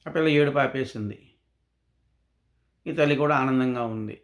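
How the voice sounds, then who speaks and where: A man's voice: medium pitch, normal speed. A man narrating a humorous children's story in a conversational way, often asking and answering his own questions.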